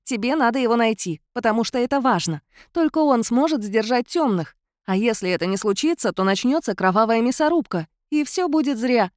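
A woman voicing a blunt, calm female cat-mouse guardian spirit in an audiobook, with an offhand, bossy manner. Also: a little high, brisk, hardly any pauses, no room sound, studio quality, pitched above the performer's own voice, close to an everyday voice. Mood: stern. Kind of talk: audiobook character voice.

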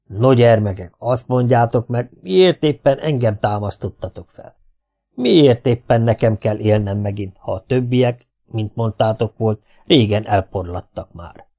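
A man reading an audiobook, voicing a blunt, burly medieval Hungarian war-lord with gruff, old-fashioned speech. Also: mid-range voice, warm tone, lightly acted. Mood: commanding.

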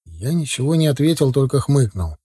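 A man narrating an audiobook in the first person with wry, lively storytelling. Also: medium pitch, a little fast, breathy edge, dry recording, clean studio sound.

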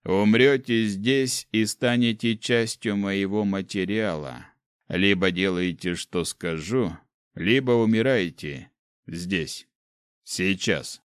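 A man playing a cold, scornful ancient dark mage who speaks slowly and mockingly in an audiobook. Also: on the low side, smooth, dry recording, clean studio sound. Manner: slow, mocking, detached. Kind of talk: audiobook character voice.

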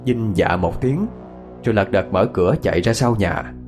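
A man's voice: on the low side, moderate pace, darkish tone. A man narrating a scripted ghost story with dramatic expression. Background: faint music.

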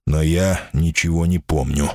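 A man's voice: a bass voice, fairly even intonation, measured pace, dry recording, clean studio sound. A man voicing a proud, impatient male jinni in human form, curt in his speech, in an audiobook reading.

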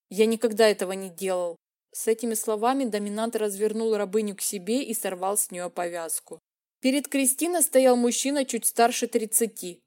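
Warm-toned woman narrating a romance. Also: medium pitch. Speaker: audiobook narrator.

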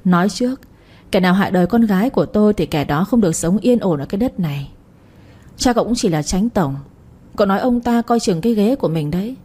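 A man's voice: high voice, lively intonation, fast, warm tone. A woman voicing a powerful older male magistrate who speaks coldly and commandingly in a storybook reading. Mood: menacing. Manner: cold, commanding, menacing.

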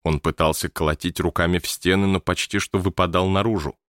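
A man with a gravelly voice giving measured, even scripted audiobook narration. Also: low voice, no room sound, clean studio sound.

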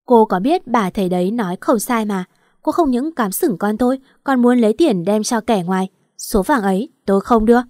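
A woman doing a shrill scolding mother-in-law. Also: expressive, fairly quick, a little mellow, no echo, studio quality, close to an everyday voice. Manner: shrill, accusing, quarrelsome. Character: sharp-tongued scolding older mother-in-law.

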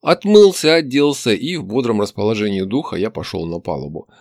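A man reading a first-person story aloud in a wry, expressive way. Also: fairly low pitch, brisk, no echo, studio quality. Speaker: audiobook narrator. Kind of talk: first-person audiobook narration.

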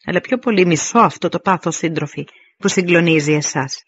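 Brief: stern veteran Spartan warrior, voiced by a male reader, forceful speeches, higher-pitched, dull dry recording. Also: slightly rough, no room sound. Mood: commanding.

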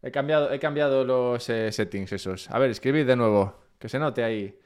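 A man from Spain, accent clearly Spain Spanish, rambles easily to viewers in his stream chat from home. His mid-range voice has a clean tone and a moderate pace, and he jokes at his own expense.

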